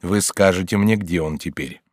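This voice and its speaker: Guy doing a steady firm doctor, insistent questions, dry close audiobook sound. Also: low-pitched, normal speed, no room sound, pitched below the performer's own voice. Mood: urgent. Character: calm, firm male doctor and hypnotist. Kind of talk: audiobook character reading.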